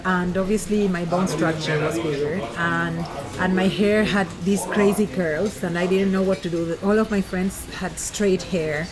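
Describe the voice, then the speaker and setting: A woman's voice: fairly low pitch, fairly even intonation, unhurried, hardly any pauses. Woman, from Argentina, candid reflective talk, restaurant conversation, heavy crowd noise behind. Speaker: guest in a conversation. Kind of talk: casual conversation over a meal. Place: busy restaurant. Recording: loud restaurant crowd around. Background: crowd chatter.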